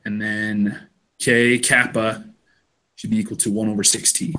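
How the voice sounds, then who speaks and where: A man's voice: fairly low pitch, little pitch movement, measured pace, bright, forceful tone. A man in a student study group, reading out his math answers step by step in casual chat. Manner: talks through math steps aloud.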